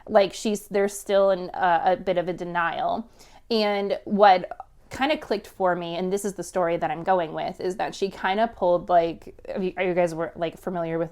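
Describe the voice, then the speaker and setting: A woman in her thirties tells a story on a podcast. She is lively and chatty, breaks into laughter often, and keeps saying "like" between thoughts. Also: lowish voice, clear, resonant tone. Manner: animated, laughs often, heavy use of "like". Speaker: podcast guest. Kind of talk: casual storytelling.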